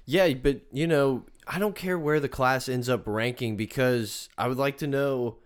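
A man's voice: mid-range voice, a little slow, smooth. A man on a sports podcast stating strong, emphatic opinions about team building. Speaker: college football podcast co-host. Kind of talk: casual sports talk.

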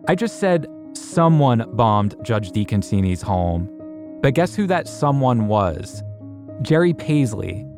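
Podcast narrator guy, average voice, measured storytelling, soft music underneath. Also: medium pitch, big pitch swings. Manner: measured storytelling, rhetorical questions. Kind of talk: scripted investigative narration.

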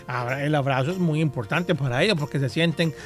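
A man's voice: fairly high pitch, a little fast, faint music behind. A man co-hosting a children's program, giving earnest advice on family love and mentioning God. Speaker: co-host of children's show. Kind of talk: family advice talk on radio.

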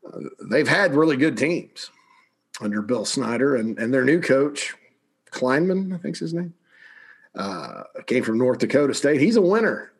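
A man's voice: mid-range voice, animated, unhurried, husky. A man hosting a sports talk show, rambling through college football opinions with many restarts and asides. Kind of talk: casual sports talk commentary.

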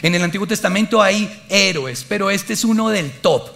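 A man's voice: sits high, expressive, moderate pace, gravelly, a bit bright. A man preaching a sermon, telling a personal story with animation and speaking directly to the congregation.

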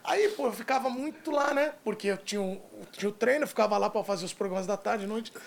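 A man's voice: high-pitched, quick pace, gravelly, a little hiss or hum. Chatty man hosting a talk show. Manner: chatty storyteller, prompts guests. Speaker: show host and sports journalist. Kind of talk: casual interview chat.

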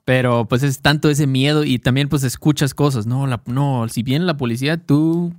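A man's voice: medium pitch, normal speed, no echo, studio quality. A man with a Mexican accent co-hosting a podcast, chatting loosely with lots of fillers and tag questions. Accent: Mexican Spanish. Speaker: podcast co-host. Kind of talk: casual chat.

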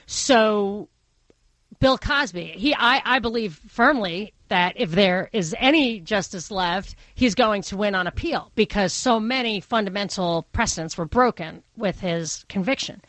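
A woman's voice: medium pitch, expressive, unhurried, a bit bright, no echo. A woman with a Brooklyn accent hosting a radio talk show, speaking conversationally and thinking aloud in opinionated digressions. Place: radio studio. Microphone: close studio microphone.

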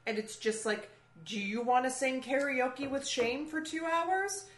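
A woman's voice: high-pitched, measured pace. A young woman co-hosting a casual music podcast, blunt and opinionated, swearing casually. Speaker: podcast co-host. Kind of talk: casual chat about music. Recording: echoey room.

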